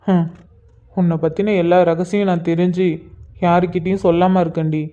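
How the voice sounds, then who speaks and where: A man voicing a gentle, devoted young husband in a cartoon, coaxing and soothing his crying wife. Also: high voice, level tone, moderate pace, highs cut off, natural voice. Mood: soothing, tender.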